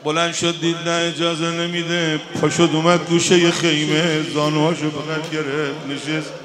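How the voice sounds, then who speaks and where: A man, a religious eulogist, tells a mourning story in turns of speech and slow wailing chant at a gathering. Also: fairly high pitch, little pitch movement. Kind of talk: mourning lament, sung and spoken. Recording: crowd noise behind the voice.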